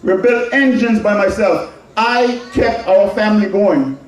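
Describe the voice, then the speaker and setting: A middle-aged man with an Anguillian accent gives an emphatic public address mixed with personal reminiscence, repeating key phrases for effect. His voice is high-pitched and measured in pace. The recording is very echoey and distant from the mic, with a little hiss or hum.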